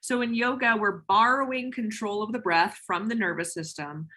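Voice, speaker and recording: A woman yoga instructor explains her training methods in a brisk, emphatic, teacherly way. Her voice has a clear, bright edge, and her pitch sits in the middle range. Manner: energetic, emphatic teacher's delivery. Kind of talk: explaining on a call-in Q&A.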